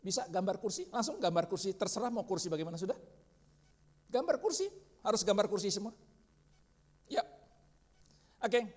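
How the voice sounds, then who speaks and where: A man's voice: high voice, a little mellow. A man teaching a church discipleship class, constantly quizzing his listeners. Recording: reverberant hall.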